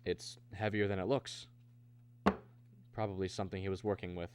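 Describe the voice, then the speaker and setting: A man's voice: low-pitched, little pitch movement, moderate pace, darkish tone, slight background noise, lightly acted. An actor in a radio drama playing an earnest, troubled man, both narrating and acting in the scenes. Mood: puzzled, subdued. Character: earnest, troubled man searching for his missing brother. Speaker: lead and narrator.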